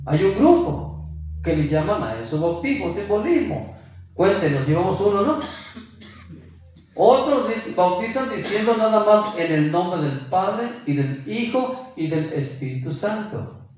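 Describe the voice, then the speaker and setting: A man's voice: high voice, sing-song, a little slow, darkish tone, distant mic, faint music behind. A man preaching a sermon with emphasis, quizzing his listeners with rhetorical questions. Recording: very echoey room, voice from afar.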